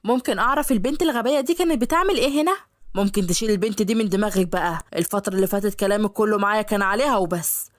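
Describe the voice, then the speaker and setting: A woman's voice: medium pitch, very fast, no echo, studio quality, natural voice. A woman voicing a haughty, jealous young fiancée in an Egyptian-accented audio story, scolding and accusing in a raised voice.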